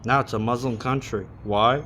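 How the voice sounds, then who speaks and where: A man in his thirties in a casual, heated rant, swearing often and pausing between thoughts. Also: mid-range voice, fairly even intonation, a bit bright, a little hiss or hum. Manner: heated, swearing, with long pauses. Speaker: monologue speaker.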